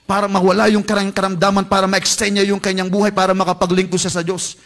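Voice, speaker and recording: A male Filipino pastor delivers a sermon in a notably high voice. He switches between Tagalog and English, speaking quietly at times and then building to loud, urgent exhortation. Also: completely flat delivery, fast. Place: church.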